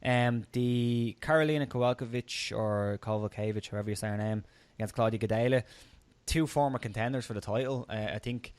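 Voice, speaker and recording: Irish guy co-hosting, talks quick, dry sound. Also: medium pitch, a little mellow, clear, resonant tone, dry recording. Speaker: podcast co-host. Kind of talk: casual podcast chat.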